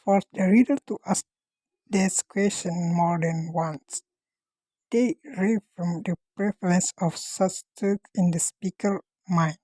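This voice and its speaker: A woman gives her part of a class presentation, reading her notes aloud in a steady explaining way. Her voice is mellow and soft-edged. The recording is dry and close. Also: on the low side, slow, slightly rough, dry recording, rough recording. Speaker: student presenter.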